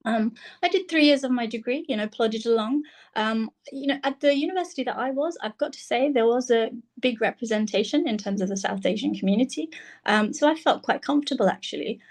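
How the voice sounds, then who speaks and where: A woman from Bangladesh speaking through a phone on a video call. Her voice sits a little high, and she talks in a reflective, hesitant way, pausing often with "um". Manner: warm, reflective, with many "um"s. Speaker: guest speaker, senior lecturer. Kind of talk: personal talk on a video call.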